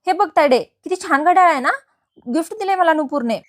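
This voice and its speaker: A woman voicing a young man, a calm and trusting company boss. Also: very high voice, quick pace, no room sound, clean studio sound.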